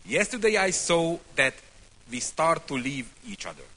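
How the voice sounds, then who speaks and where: A man's voice: a little high, sing-song, a bit bright. Man speaking to a congress. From Hungary. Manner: simple phrases, pauses for interpreter. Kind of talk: speech with live interpretation.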